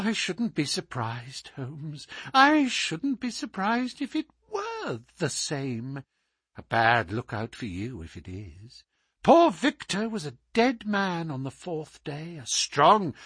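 A man's voice: sits high, sharp tone, breathy edge, no echo, studio quality, voice pushed up, exaggerated voice. A man voicing a cruel, mocking male visitor who taunts a sick man. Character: sneering, cruel middle-aged male visitor.

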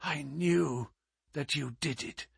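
A man voicing a brilliant, feverish male detective who speaks crisply and urgently. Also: fairly high pitch, slow pace, no room sound, clean studio sound, full character voice. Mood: feeble.

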